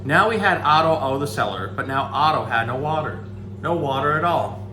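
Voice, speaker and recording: A man reads a children's story aloud with expression, acting out the dialogue and slipping into casual asides to a pet. His voice is on the high side and brisk. The room is echoey, with a background hum.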